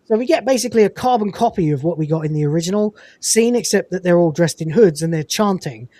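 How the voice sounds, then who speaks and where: This man's voice is high and quick, with no room sound behind it. Hosting a laid-back film review podcast, he speaks with lots of energy, drops occasional curses, and mimics movie dialogue in funny voices.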